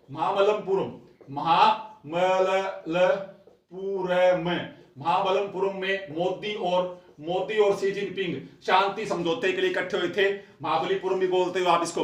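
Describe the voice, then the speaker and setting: A man's voice: high voice, fairly bright tone. A man teaching exam coaching as a blackboard lecture, emphatic and repeating key points. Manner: repetitive and emphatic. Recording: echoey room, mic at a distance.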